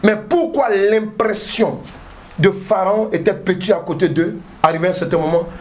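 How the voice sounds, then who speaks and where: Very high-voiced preaching man. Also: moderate pace. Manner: emphatic call-and-response preaching, frequent alléluia and amen; bursts into shouting. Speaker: pastor. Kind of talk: sermon.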